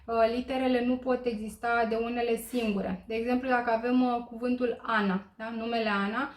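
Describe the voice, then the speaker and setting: A woman explains a language lesson in a slightly high voice, pausing often on fillers and checking that her students follow. Her voice rings in an echoey room. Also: fairly even intonation. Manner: hesitant, many filler pauses, checks in with listeners. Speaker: Korean language teacher.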